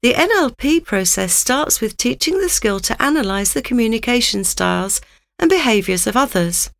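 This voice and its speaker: Narrator, female: raised, animated pitch with a dry, close sound, measured and instructive. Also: gravelly, no room sound. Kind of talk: scripted narration.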